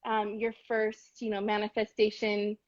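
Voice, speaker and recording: A woman's voice: mid-range voice, completely flat delivery, measured pace, muffled recording. A woman hosting a casual live-stream chat, effusive and gushing, with lots of fillers. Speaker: host. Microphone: video call.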